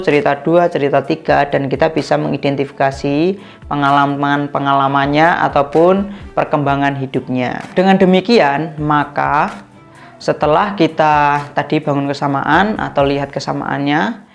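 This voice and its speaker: Low gravelly-voiced woman teaching. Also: moderate pace, faint music behind. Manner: acts out sample dialogues with rising lively pitch. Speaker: youth coaching trainer. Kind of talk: instructional talk with role-play examples.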